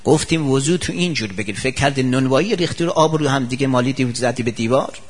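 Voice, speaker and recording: A male preacher giving a sermon full of anecdotes, acting out the people he quotes with sudden jumps in his voice. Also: husky. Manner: acts out quoted people with sharp pitch jumps.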